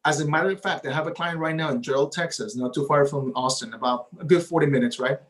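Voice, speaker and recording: This man's voice is a little high and fast. A native Spanish speaker, he is a realtor guest talking eagerly in a casual interview, often tagging his points with "right?".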